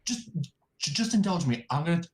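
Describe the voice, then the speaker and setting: A man playing a tabletop role-playing game, talking casually in halting, stammered repeats. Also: fairly high pitch, animated.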